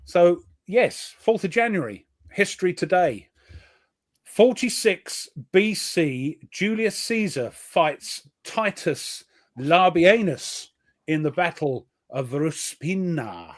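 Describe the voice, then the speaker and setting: British male host, jokey history chat, voice on the higher side. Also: very animated, slow pace. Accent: British English. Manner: chatty, jokey, reads history facts aloud. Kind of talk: casual chat.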